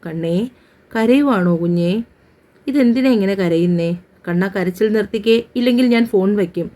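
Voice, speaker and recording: A man's voice: high voice, normal speed, lightly acted. A woman reading a fond, coaxing young husband. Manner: gentle, coaxing, fond scolding. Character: affectionate young husband coaxing his wife.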